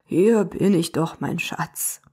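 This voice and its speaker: Lady doing a soft old grandpa, lowered voice, kids story. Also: slow pace, slightly rough, full character voice. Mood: gentle. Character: gentle loving old grandfather.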